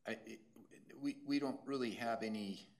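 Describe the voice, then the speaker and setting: A man answering questions off the cuff as staff at a public meeting, halting and repeating his words. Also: medium pitch.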